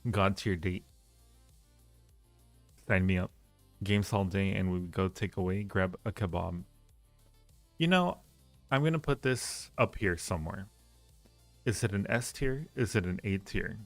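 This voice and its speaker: There's a creaky, low-pitched quality to this man's unhurried speech, with long pauses between thoughts. Hosting a livestream, he chats casually with viewers, rates ideas, rambles and repeats phrases, with roomy echo and faint music behind.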